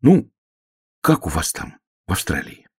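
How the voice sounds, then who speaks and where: A man voicing a playful, excitable hare in a children's tale. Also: low-pitched, unhurried, breathy edge, full character voice. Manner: bouncy, excitable.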